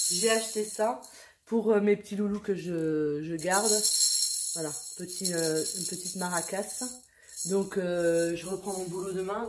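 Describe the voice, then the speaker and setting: A woman's voice: medium pitch, background noise. A middle-aged woman chatting casually on her vlog, rambling and full of fillers. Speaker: vlogger. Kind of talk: casual chat.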